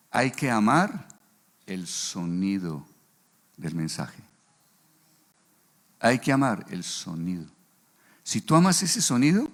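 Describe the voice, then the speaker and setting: A middle-aged pastor preaches a sermon, weaving in stories and acting out conversations. His voice sits on the low side with a gravelly, fry-laden edge. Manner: animated storyteller, acts out dialogue. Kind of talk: sermon with storytelling.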